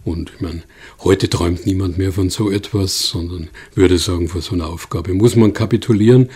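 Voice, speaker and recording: A man's voice: deep voice, steady tone, moderate pace, a little mellow, slightly rough. A man interviewed as an expert guest, explaining at length in a thoughtful, conversational way.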